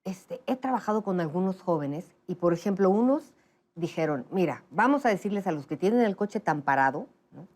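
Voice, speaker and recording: A woman's voice: on the low side, animated, normal speed, darkish tone. A woman, hosting a talk show interview and asking long, rambling, conversational questions. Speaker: interview host.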